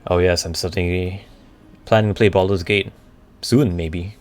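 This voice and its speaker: A streamer and VTuber with a deep, low, steady voice speaks casually to his live audience, with faint music playing behind him. He answers questions hesitantly, frequently halting to find the right word before continuing.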